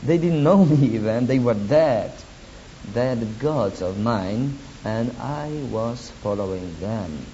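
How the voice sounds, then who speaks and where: A guest preacher from Poland, speaking English with a Polish accent, has a warm, mid-range voice. He offers personal testimony in his sermon through deliberate, halting non-native phrasing and wry asides, heard on a dull lo-fi recording with a faint hiss.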